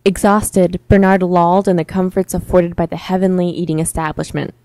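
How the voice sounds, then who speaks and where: A young woman narrating a mock-epic tale in a wry, deadpan storytelling manner. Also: fairly low pitch, a little fast, dry recording, poor audio. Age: young adult.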